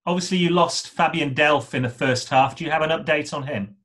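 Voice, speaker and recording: A man, a journalist, asking brisk, direct questions at a press conference over a video call. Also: fairly high pitch, a bit bright.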